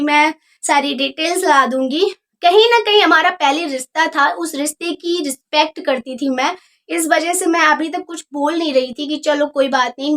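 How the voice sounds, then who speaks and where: A woman YouTuber lecturing and scolding a rival in a callout vlog, firm and sarcastic without shouting. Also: high voice. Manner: steady and firm, not shouting.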